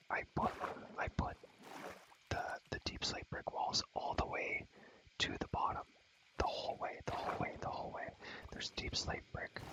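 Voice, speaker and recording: An ASMR content creator shows off a game in a breathy, casual whisper, rambling and saying the same phrases over and over. His tone comes across bright and forceful, and the recording quality is low.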